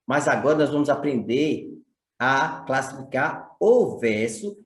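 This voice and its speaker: A man's voice: medium pitch, animated, unhurried, roomy sound. A male teacher from Sergipe, Brazil, with a Brazilian Portuguese accent, explaining a lesson and asking rhetorical questions. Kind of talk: recorded online lesson.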